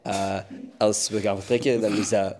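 Young flemish guy, relaxed, lots of laughs and yeahs. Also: lowish voice, moderate pace, a little hiss or hum. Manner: easygoing, laughs often, affirms a lot. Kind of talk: casual chat.

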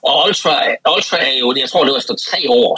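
A man's voice: medium pitch, expressive, pushed and bright, husky, low-quality recording. A man from Denmark chatting casually as a podcast guest, talking like an enthusiastic fan and repeating words for emphasis. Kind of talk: casual chat.

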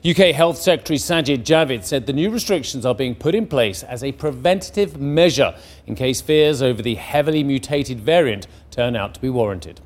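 A man presenting broadcast news, brisk and assured, with occasional conversational asides. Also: mid-range voice, animated.

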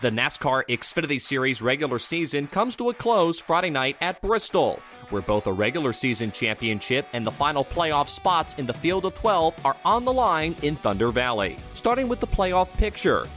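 A man's voice: on the high side, big pitch swings, moderate pace, hardly any pauses, a bit bright, soft background music. A man reading a scripted motorsport report for radio. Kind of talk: scripted sports narration.

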